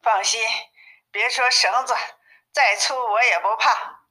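A woman storyteller gives voice to a brave, restless monkey king. He speaks boldly and urgently in a bright, clear tone. He is a storybook hero. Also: fairly high pitch, fairly even intonation, slow, low-quality recording.

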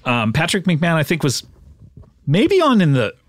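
Brief: male comedy host, lively and fairly high, giggly teasing, dry studio sound. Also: normal speed, no echo. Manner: laughs often, playfully teasing. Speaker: podcast host. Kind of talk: casual comedy chat. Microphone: studio mic.

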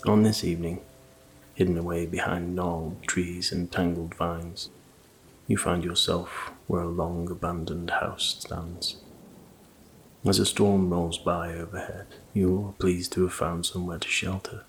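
Low, gravelly, hushed male sleep story narrator. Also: rough recording. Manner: slow, calm, hushed, relaxing delivery. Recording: faint noise under rain ambience. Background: rain ambience.

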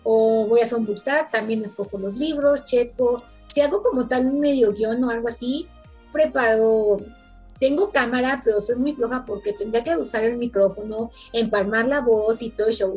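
A young woman hosts a relaxed podcast conversation, chatty and quick to laugh. Her voice is husky and mellow, sitting a bit high for a woman, with soft music faintly underneath. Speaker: podcast host. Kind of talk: casual podcast chat.

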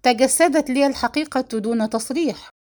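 A woman's voice: high-pitched, brisk, a little mellow, pitched above the performer's own voice, lightly acted. A woman reading the lines of an enraged young man who hurls heated accusations at his brother. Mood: furious.

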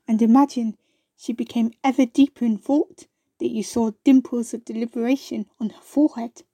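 A woman reading a children's storybook aloud in a gentle, unhurried way, now and then turning to ask the listener questions. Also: fairly high pitch, fairly even intonation, no room sound.

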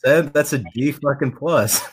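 A man's voice: mid-range voice, normal speed, husky. A man co-hosting a casual podcast chat, blunt and crude with his jokes. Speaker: podcast co-host.

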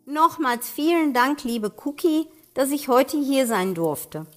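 A woman author reading her own novel aloud in a measured, even way. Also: high-pitched, soft background music. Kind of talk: audiobook reading.

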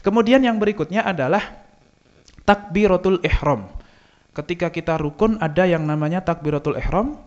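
A man teaching an Islamic lesson to a congregation, lively and conversational, posing questions and answering them himself. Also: fairly high pitch. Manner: lively, asks and answers his own questions, addresses listeners as "Pak". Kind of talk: religious lecture to a congregation. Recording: dull lo-fi sound.

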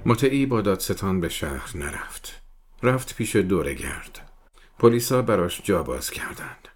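A man reading a crime novel aloud as an audiobook narrator, in a measured storytelling delivery. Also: low voice, sing-song, soft background music.

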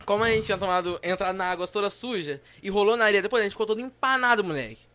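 A young man from Brazil, telling a funny story in an animated, slangy way on a podcast with friends. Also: sits high, very fast. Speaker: podcast co-host. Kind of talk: casual storytelling among friends.

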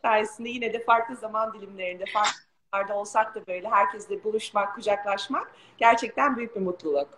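A woman's voice: medium pitch, fast talker, a bit bright, a little hiss or hum. A woman chatting casually as a guest on a live call from her office. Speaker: guest in an online live chat. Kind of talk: casual chat. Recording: echoey room.

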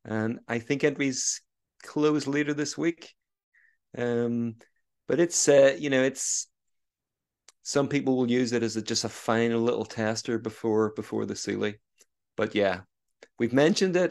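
A man's voice: mid-range voice, darkish tone, smooth. A man hosting a casual podcast, easygoing and hesitant, with many fillers. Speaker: podcast host.

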